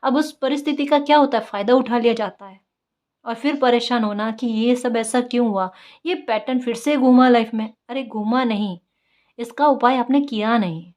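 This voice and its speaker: A woman's voice: fairly high pitch, normal speed, a little mellow. A woman tarot reader giving casual spiritual guidance, coaxing and encouraging, often asking her listeners "right?" and repeating key phrases.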